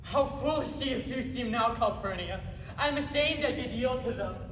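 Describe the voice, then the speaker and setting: A woman's voice: fairly high pitch, normal speed, noisy background, lightly acted. A woman on stage playing Julius Caesar, a proud and imperious Roman ruler, in declamatory, commanding Shakespearean style. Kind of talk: Shakespearean stage acting, student production. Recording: echoey hall from far off, music behind.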